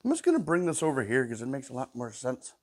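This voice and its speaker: His pitch swooping wildly around a medium range, a fast-talking vlogger with a stuffy nose chats to himself while disassembling an old mower in his workshop. He hums between tasks, and the audio is very noisy.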